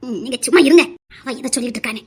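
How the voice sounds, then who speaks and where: A woman's voice: a little high, rapid-fire, darkish tone, slightly rough, pitched below the performer's own voice. A woman voicing an older mother-in-law who scolds and acts shy, with a Tirunelveli Tamil accent. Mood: bashful scolding.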